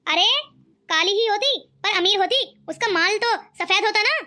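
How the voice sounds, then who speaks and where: A woman's voice: very high-pitched, moderate pace, sharp tone. A woman voicing a scheming, greedy middle-aged mother-in-law who scolds and taunts. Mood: scolding.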